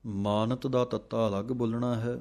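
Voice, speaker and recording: A man teaching scripture recitation. He chants verses slowly, then explains pronunciation in quicker speech. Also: medium pitch, flat delivery, a little mellow.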